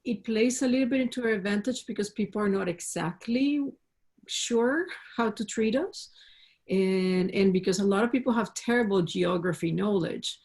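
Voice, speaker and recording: A woman from Colombia speaking earnestly as a panelist on a video call, measured and thoughtful. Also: mid-range voice, darkish tone.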